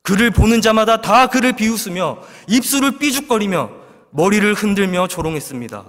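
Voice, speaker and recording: A male pastor preaching an evening sermon with passion, putting rhetorical questions to the congregation and swinging from loud cries to hushed low lines. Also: lively intonation, fairly quick. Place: church sanctuary. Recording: long reverb of a large hall.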